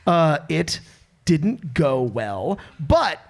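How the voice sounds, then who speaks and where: A man's voice: a little high, drawn-out words. A man hosting a live podcast taping, talking casually and jokily, swearing and laughing as he goes. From Florida. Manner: jokey, animated, swears and laughs often. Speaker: podcast host. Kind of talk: casual live-show banter.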